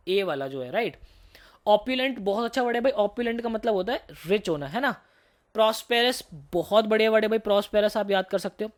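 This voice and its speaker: Slightly hoarse woman teaching vocabulary. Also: on the high side. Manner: explains words in Hindi mixed with English, often asks "है ना" and calls students "bhai"; reads English example sentences slowly and carefully. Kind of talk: vocabulary lesson for entrance exams.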